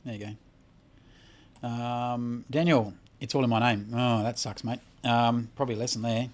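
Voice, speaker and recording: Hosting a relaxed credit repair livestream, a tired Australian man reads out what chat says and responds bluntly, swearing without restraint. He speaks at normal speed in a steady, medium-pitched, darkish voice.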